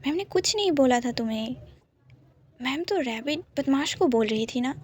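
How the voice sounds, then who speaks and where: A woman voicing a gentle young man who speaks softly and reassuringly in a storybook romance. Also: high voice, animated, normal speed, slightly rough. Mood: soothing. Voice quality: soft, reassuring.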